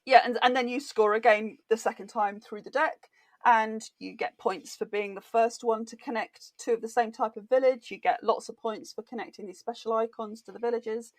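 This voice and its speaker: Chatty British woman, bright higher voice. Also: steady tone, normal speed, no room sound. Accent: British English. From Britain. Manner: enthusiastic, chatty, laughs easily. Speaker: guest, board game author. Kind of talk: casual interview chat.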